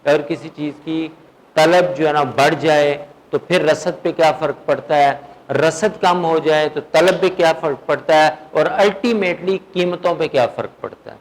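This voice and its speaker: A man's voice: fairly high pitch, low-quality recording. A male English teacher giving a classroom lecture, drilling words and answering his own questions. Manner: drills vocabulary, asks questions and answers them himself; slow dictation of English sentences.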